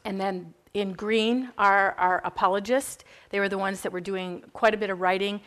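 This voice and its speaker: Her voice is medium in pitch, steady in tone, a bit bright, and moves at a normal speed. She's a Minnesota woman lecturing a live class on church history, speaking informally with lots of fillers and digressions.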